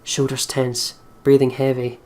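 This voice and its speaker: Reading a visual novel's narration in a let's play, a man with a mid-range voice brings out the story expressively while speaking at a measured pace.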